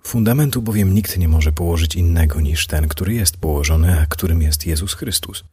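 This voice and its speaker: A man hosting a devotional Bible program who reads scripture and introduces his reflection in a measured, solemn way. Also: deep voice, mellow, slightly rough. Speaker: radio host and Bible reader.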